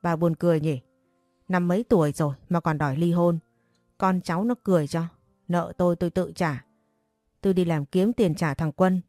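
A woman's voice: lowish voice, dark tone, dry recording, studio quality, natural voice. A woman voicing a middle-aged father who pleads with his wife and then grumbles defensively, read as an audiobook story.

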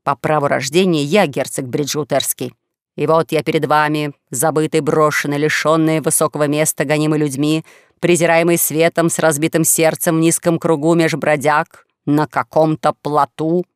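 A man's voice: fairly high pitch, little pitch movement, normal speed, clear, resonant tone, no room sound, clean studio sound, pitched below the performer's own voice, natural voice. A man voicing a young con-man who plays a wronged duke, mournful and grandiose. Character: young male con-man posing as a tragic duke, self-pitying.

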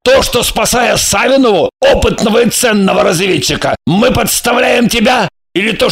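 A woman's voice: medium pitch, gravelly, slightly rough, no room sound, clean studio sound, heavily acted. A woman voicing a stern middle-aged male intelligence officer who barks and lectures. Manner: barking, lecturing.

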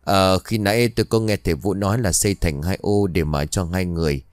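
A man voicing a plain-spoken village builder who reassures calmly in an audio ghost story. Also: sits low, a little fast, no echo, clean studio sound, lightly acted. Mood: reassuring. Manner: reassuring, matter-of-fact.

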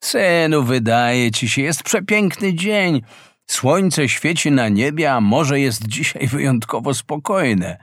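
A man voicing an old fisherman, a loving father who calls out loudly in a raised voice to his son. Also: mid-range voice, expressive, slow, dry recording, clean studio sound. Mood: reassuring. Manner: raised, urgent calling.

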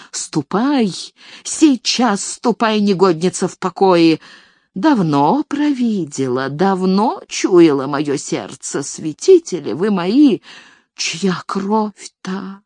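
A woman voicing a shrill, fussy old woman servant who scolds and laments in a broken old voice. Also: a little mellow, no echo, studio quality.

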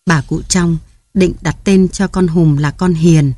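A woman narrating a story as an audiobook in a steady, even reading style. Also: on the low side, a little slow, no room sound, clean studio sound.

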